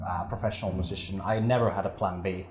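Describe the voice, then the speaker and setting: A Finnish man in his twenties with a Finnish accent, answering interview questions in a relaxed, hesitant way with many fillers. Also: deep voice, quick pace, echoey room, music in the background. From northern Finland. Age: 20s. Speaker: drummer, interview guest.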